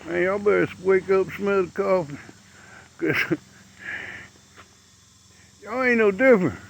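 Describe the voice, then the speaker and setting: A man's voice: sits high, takes it slowly, gravelly, lo-fi sound, slight background noise. A man, ranting bluntly and profanely to camera outdoors as a vlogger. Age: 60s.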